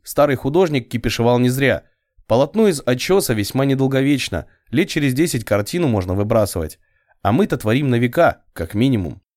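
A male narrator reads a first-person novel with an expressive, ironic delivery. His pitch rises and falls widely around a middle register. The sound is dry and close. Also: dry recording. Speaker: audiobook narrator.

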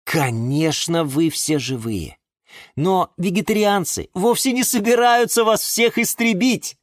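A man's voice: sits high, a little slow, dry recording, clean studio sound, voice pushed up. A man voicing a patient young man who reasons with his talking plants in a children's audiobook, with a reasoning, exasperated manner. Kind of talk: audiobook character voice.

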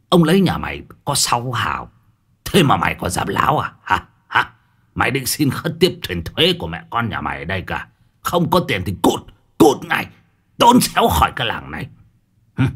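A man playing a cruel, greedy old village official who curses and yells threats at the poor. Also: fairly low pitch, husky, heavily acted. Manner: snarling, cursing, yelling threats.

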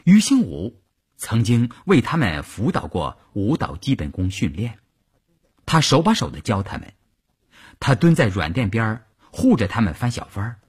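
A man reading an audiobook with animated storytelling. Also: on the low side, breathy edge. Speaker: narrator. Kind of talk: audiobook narration.

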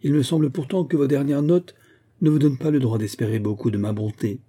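A man's voice: medium pitch, a little fast, dark tone, breathy edge, pitched above the performer's own voice, close to an everyday voice. A man voicing a stern, severe elderly headmistress who speaks curtly. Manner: severe, curt.

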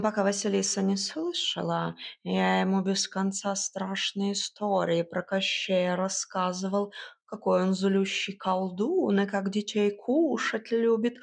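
A woman voicing a proud, grumbling male house cat who talks slowly and purrs between words in an audiobook. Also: medium pitch, vocal fry, darkish tone, husky, exaggerated voice. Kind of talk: audiobook character voice.

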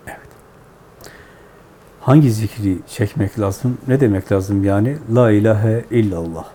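Deep-toned man giving Sufi teaching. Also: warm tone, slight background noise. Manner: measured, repetitive, chant-like phrasing. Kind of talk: devotional teaching to callers.

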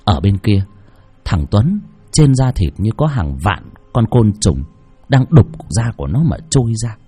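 A man's voice: sing-song, unhurried, warm tone, breathy edge, soft background music. A man narrating a horror story dramatically. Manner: dramatic, shifting pitch for effect.

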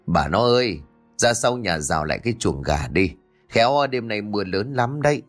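A gentle old village scholar, as a storyteller puts him on, murmuring low and calm with a kindly, patient air. His voice rises and falls in a lively way. Soft music plays faintly behind him. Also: normal speed, natural voice.

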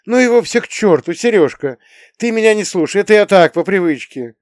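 This is a man putting on an excitable middle-aged Soviet mother who exclaims everything. Her voice leaps high with wild swings. The sound is close and dry, with no room. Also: normal speed, clean tone, dry recording. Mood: fierce, warm. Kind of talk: audiobook character reading.

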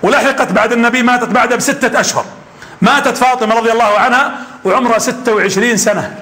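A man's voice: extremely high pitch, quick pace, bright, forceful tone. A man preaching a sermon, telling stories with animation and quizzing his audience.

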